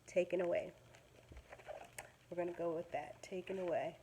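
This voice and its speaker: Reading a kids' story with plenty of drama and expression, a woman teacher pauses to put words into simple terms for little listeners. Her pitch is on the low side, and the poor audio carries slight background noise.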